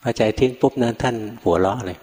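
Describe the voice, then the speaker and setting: An older male monk giving a Dharma talk, telling a story in a relaxed way, acting out quoted lines and chuckling now and then. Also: mid-range voice, quick pace. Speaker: Buddhist monk teacher. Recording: long reverb from a hall.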